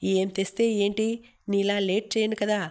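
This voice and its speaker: A woman's voice: medium pitch, little pitch movement, moderate pace, a little mellow, close to an everyday voice. A woman voicing a cheeky, joking young man in an audiobook.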